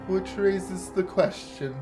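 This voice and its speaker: A man voicing a sinister, condescending male bird doctor in a game, speaking with slow, silky, menacing politeness. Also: high voice, pitched above the performer's own voice. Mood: sly. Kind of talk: reading visual novel dialogue aloud. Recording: faint music behind.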